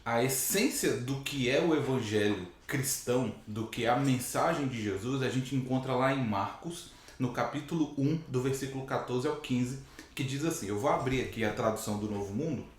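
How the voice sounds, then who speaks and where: A hoarse man teaching from the Bible to camera, explaining patiently and rephrasing his points with frequent "né?". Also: mid-range voice, normal speed. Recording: very echoey room.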